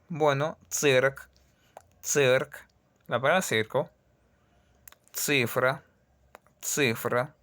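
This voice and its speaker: A male teacher explains pronunciation in a calm, unhurried lesson. He speaks slowly and patiently, repeating sounds so learners can follow. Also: mid-range voice. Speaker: Russian language teacher. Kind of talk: slow language lesson.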